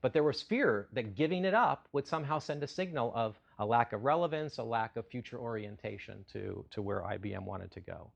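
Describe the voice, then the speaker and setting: A man's voice: medium pitch, expressive, fairly quick, creaky, few pauses, dull audio. A middle-aged man giving a corporate keynote with polished enthusiasm, repeating phrases for emphasis. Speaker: CEO keynote speaker.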